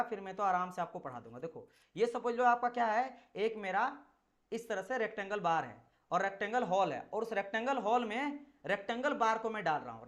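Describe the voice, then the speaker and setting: Speaking in a high, fairly bright voice, a male engineering exam teacher runs a classroom lecture. Each point gets said several times over, rhetorical questions keep the class engaged, and he uses nearby objects for demonstrations, sprinkling in English technical vocabulary.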